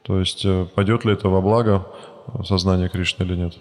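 Deep-voiced male interpreter in a hall. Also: steady tone, fairly quick, a little mellow. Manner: hesitant, many fillers and restarts. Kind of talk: consecutive interpreting of a lecture. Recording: long hall reverb.

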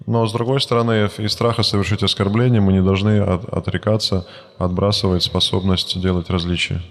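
A man's voice: low-pitched, level tone, brisk. A man interpreting a religious lecture phrase by phrase, hesitant with fillers and restarts. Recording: long hall reverb.

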